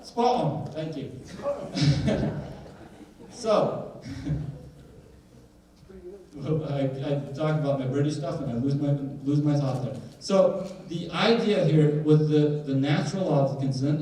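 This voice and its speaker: A man's voice: mid-range voice, dark tone. A man giving a conversational lecture to a live audience, questioning the crowd and joking as he goes. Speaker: attorney giving a presentation. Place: large hall. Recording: echoey hall, heard from a distance.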